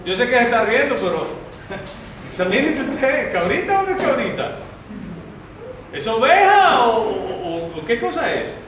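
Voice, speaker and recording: A man with a Central American Spanish accent preaching a sermon in a church, exhorting the congregation and rising to shouts. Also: sing-song, a little slow, recorded from a distance. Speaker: pastor. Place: church hall. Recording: very echoey hall, mic from afar, faint rumble.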